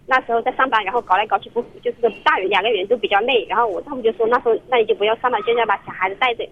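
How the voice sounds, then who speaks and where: Rapid husky woman caller on phone. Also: a little high. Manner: rambling, earnest account with many restarts. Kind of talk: call-in radio counseling. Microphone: telephone. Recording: muffled phone line.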